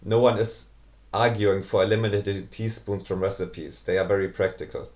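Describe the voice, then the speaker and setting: A man's voice: on the low side, steady tone, moderate pace, a little mellow. A man giving rebuttal commentary in a pedantic, sarcastic manner. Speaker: video commentator debunking claims. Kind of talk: rebuttal commentary over clips.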